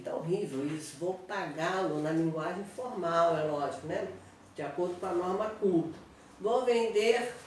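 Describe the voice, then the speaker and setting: A woman's voice: on the low side, a little mellow. A Brazilian Portuguese woman teaching grammar in an online lesson, explaining patiently, repeating examples and checking in with "tá?". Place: small room at home with a whiteboard. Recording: echoey room, mic at a distance, faint noise.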